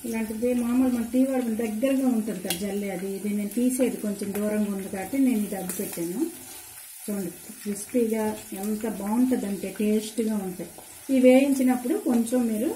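A woman's voice: mid-range voice, dark tone, a little hiss or hum. A woman walks viewers through a recipe at her home stove, chatty and instructive and repeating each tip. Her voice rings in an echoey kitchen while oil sizzles and a spatula clicks against the pan. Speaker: cooking channel host. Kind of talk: home cooking demonstration.

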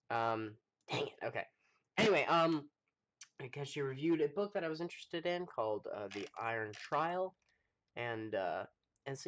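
A man with an American accent chatting casually to viewers during a live game stream, rambling with lots of fillers and pausing to eat. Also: mid-range voice, a bit bright. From United States. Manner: rambling, chatty, full of fillers, talks while eating. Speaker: livestreamer playing a space game.

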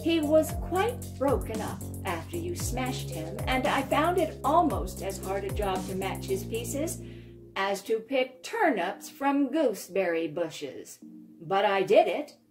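A woman's voice: fairly high pitch, big pitch swings, slow, music in the background. A woman doing a proud little gnome helper. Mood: earnest, proud. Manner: earnest and proud.

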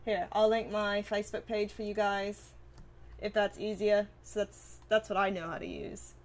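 A woman's voice: mid-range voice, level tone, moderate pace. A woman streamer chatting casually with viewers, reading and answering comments in a bubbly way, swearing freely and laughing often.

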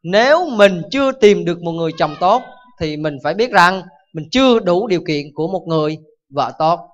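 A Buddhist monk giving a dharma talk, full of animated stories and rhetorical questions to his listeners. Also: high-pitched, brisk. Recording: dull lo-fi recording.

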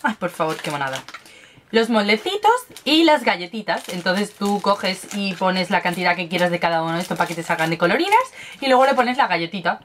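A woman's voice: medium pitch, expressive, brisk, a little hiss or hum. A young woman, chatting casually while unboxing and tasting snacks, gushing over cute things with lots of diminutives. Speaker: beauty and snack vlogger.

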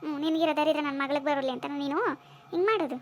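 A scornful cartoon mother-in-law, voiced by a woman, very high and squeaky. She scolds fast and bossily. It is a cartoon family drama. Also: steady tone, slight background noise, natural voice. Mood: scornful scolding. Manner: scolding, bossy.

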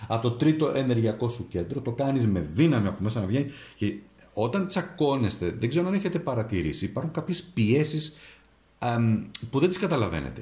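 A man gives a tarot reading, talking straight to the viewer and offering advice. His pitch swings up and down as he speaks. The room around him echoes. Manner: animated, addresses the viewer directly, gives advice. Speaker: tarot reader and astrologer.

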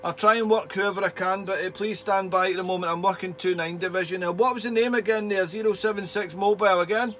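A man's voice: sits high, steady tone, quick pace, few pauses. A man working as a radio operator, chatting casually and in a friendly way, with call signs and radio jargon. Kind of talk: casual two-way radio contact chat. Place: indoor home radio shack. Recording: radio hiss and hum.

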